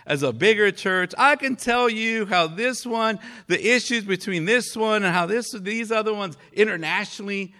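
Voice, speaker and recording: A man from Mexico giving a conversational church sermon, earnest and halting as he speaks. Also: high-pitched, sharp tone. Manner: earnest, halting with frequent fillers. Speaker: pastor.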